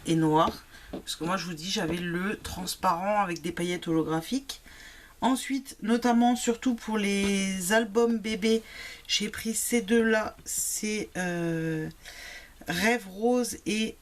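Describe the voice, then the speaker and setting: A woman casually presenting craft supplies she bought, hesitant and full of fillers, apologizing now and then. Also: medium pitch. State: married adult. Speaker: craft vlogger. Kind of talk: casual product haul chat.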